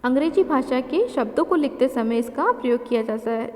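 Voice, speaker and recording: A woman teaching a grammar lesson, explaining slowly and carefully with spoken examples. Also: high-pitched, animated, darkish tone. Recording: long reverb.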